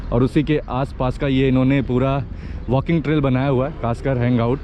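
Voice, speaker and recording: A man's voice: mid-range voice, fairly even intonation, brisk, noisy background. A young Indian man narrating a travel vlog outdoors, mixing Hindi and English in a chatty guiding way. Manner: mixes Hindi with English, guides the viewer chattily. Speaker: travel vlogger. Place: outdoors on city streets. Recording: muffled with music under it.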